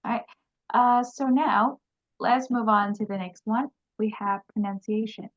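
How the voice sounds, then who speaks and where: A woman's voice: medium pitch, steady tone, a little slow, highs cut off. A woman teaching an English lesson, patiently explaining and repeating example phrases.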